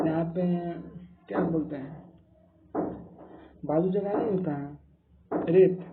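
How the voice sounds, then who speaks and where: A male spoken English teacher giving a vocabulary lesson, repeating each word over and over for learners to copy. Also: sits high. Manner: drills each word by repeating it many times. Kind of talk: Hindi-medium vocabulary lesson. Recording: tinny phone-like lo-fi audio with faint hiss.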